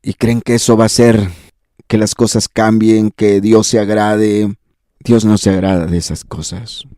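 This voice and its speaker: A man's voice: fairly low pitch, little pitch movement, a little slow, dark tone, no room sound, studio quality. A man preaching a sermon in an emphatic, repetitive cadence with rising exclamations. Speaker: pastor.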